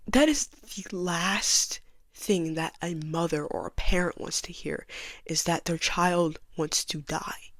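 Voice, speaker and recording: A young woman telling her personal story in a soft, halting voice that often sinks to a near whisper. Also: deep voice, no room sound, studio quality. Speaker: vlogger giving a personal testimony.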